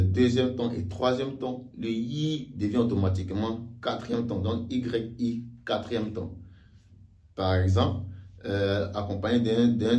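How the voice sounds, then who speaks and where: Slow, low-voiced man teaching in an echoey room. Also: mellow. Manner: chatty, repeats examples slowly with "ok?" checks. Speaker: Mandarin teacher. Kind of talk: casual video lesson. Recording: roomy echo, voice a bit far from mic.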